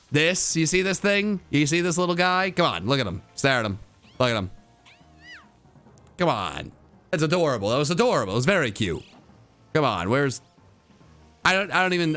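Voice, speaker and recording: A man's voice: fairly high pitch, bright, forceful tone, smooth. A man live streaming a game, teasing his chat with mock outrage and repeating himself. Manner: repeats phrases, sing-song muttering.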